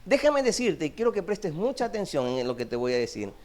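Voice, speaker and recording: A man preaching a sermon as pastor, swinging between loud emphasis and hushed low phrases. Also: big pitch swings, a little fast. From Peru. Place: church.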